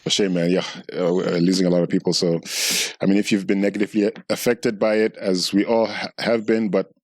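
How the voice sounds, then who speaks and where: A man co-hosting a casual podcast, laid-back and quick to laugh, talking in loose, rambling restarts into a studio mic. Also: low-pitched, level tone, dry recording. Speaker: podcast co-host. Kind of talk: casual chat.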